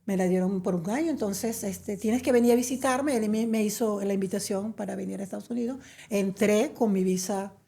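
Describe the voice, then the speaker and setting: A woman's voice: mid-range voice, fairly quick, creaky, few pauses, warm tone. A middle-aged woman from Venezuela, telling her story as a guest in a chatty interview, with many fillers. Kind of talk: conversational interview.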